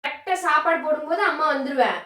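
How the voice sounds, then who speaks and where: A woman, a mother, gently coaxing and reassuring her small child, repeating the same soft questions again and again. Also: high voice, animated, fast, faint music behind. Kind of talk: vlog talk to a child. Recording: roomy sound from a distance.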